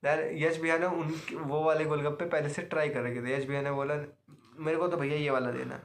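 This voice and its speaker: A man's voice: a little high, flat delivery, brisk. A young man casually recounting his day for a video diary, chatty and repetitive, mixing in English words and laughing now and then. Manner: chatty, repeats himself, mixes English words, laughs often. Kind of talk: casual storytelling.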